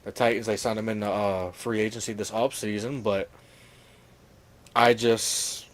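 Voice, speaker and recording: A man's voice: on the low side, steady tone, unhurried. A man co-hosting a casual sports talk stream, talking through picks with hedges and fillers. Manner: analytical, hedging, many fillers. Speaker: co-host.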